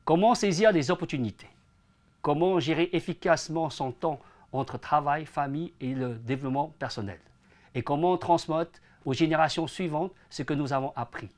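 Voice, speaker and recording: An entrepreneur and association president in his forties, born in China and living in France since age ten, gives earnest, prepared answers as an interview guest. He speaks at a moderate pace in a fairly high voice with a darkish tone.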